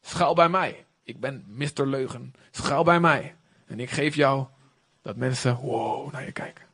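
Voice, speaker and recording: A man voicing a personified lie, a smooth male tempter who coaxes his listener to hide with him. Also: medium pitch, measured pace, a bit bright. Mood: enticing. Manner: coaxing, enticing.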